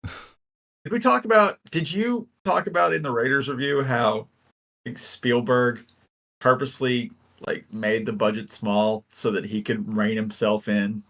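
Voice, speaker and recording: A man's voice: mid-range voice, a little slow, fairly bright tone. A man co-hosting a podcast, chatting casually and enthusiastically about a film with lots of fillers. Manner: rambling, enthusiastic, many fillers. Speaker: podcast co-host. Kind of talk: casual movie review chat.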